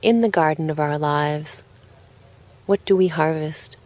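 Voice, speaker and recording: A woman whose voice sits low narrates a guided relaxation, calm and gentle throughout. She never hurries, pausing between short phrases the way a scripted meditation does.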